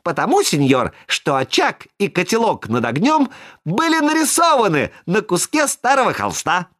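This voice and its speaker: A narrator voicing a pitiful wooden puppet boy who whines in a thin, high voice. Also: huge pitch swings, normal speed, fairly bright tone. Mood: whining plea. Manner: high wailing, pleading.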